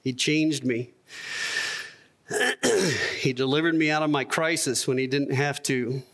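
A middle-aged man giving a sermon testimony as guest speaker, telling his story with chuckles and slowing down to quote scripture. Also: mid-range voice, steady tone, fairly bright tone. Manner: storytelling, chuckles often, rises for emphasis, slows when quoting scripture.

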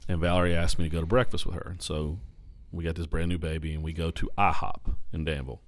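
A low-voiced man speaks as a pastor on his podcast, telling a candid story in an animated way. He repeats phrases for emphasis. His voice is recorded close and dry on a podcast microphone. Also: fast, dry recording.

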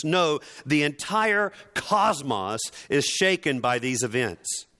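A man preaches a sermon with emphatic, dramatic, deliberate delivery, building through repeated phrases. His voice is a little high, pushed and bright.

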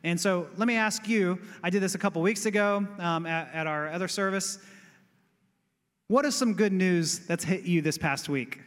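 A male pastor giving an animated, conversational sermon in a church that builds to exclamations. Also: high voice, normal speed. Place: church sanctuary. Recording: long reverb of a church hall.

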